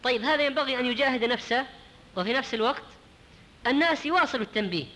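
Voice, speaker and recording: A man teaching a religious lesson, his high voice quick and bright. He stops to sound out words slowly and carefully. The sound rings with the long reverb of a hall. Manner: explanatory, demonstrating pronunciation slowly. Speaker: preacher.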